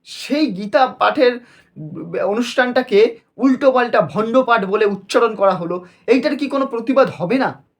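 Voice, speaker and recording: A man's voice: extremely high pitch, normal speed. A man hosting a commentary channel, reacting indignantly and asking one rhetorical question after another. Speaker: channel host. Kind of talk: news commentary video.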